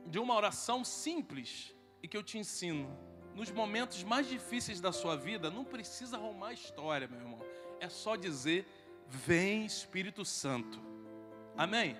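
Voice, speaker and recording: At a men's congress, a preacher with a Brazilian Portuguese accent acts out all the dialogue in a funny story within his sermon. He has a high, sing-song voice and speaks at normal speed. The recording is reverberant, from a large hall with faint music.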